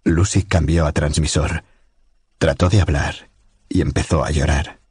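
A man reading a story aloud as narrator in a measured, steady way. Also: extremely low pitch, slightly rough, no echo, studio quality. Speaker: audiobook narrator. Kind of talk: scripted narration.

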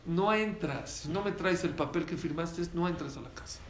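A man's voice: on the high side, normal speed, reverberant, a little hiss or hum, natural voice. A man voicing a stern, formidable wife who scolds and commands in a storytelling sermon. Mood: indignant. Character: stern, formidable wife, middle-aged woman.

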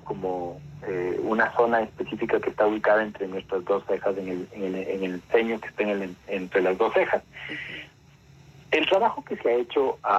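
A low, husky man speaks as a radio guest over a dull, lo-fi phone line. He explains at length, stalling on fillers and restarting phrases. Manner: hesitant, many fillers and restarts. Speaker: guest brain trainer.

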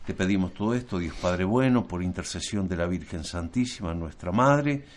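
Man, priest, lowish pitch, solemn, measured phrasing, homily and liturgical prayer.

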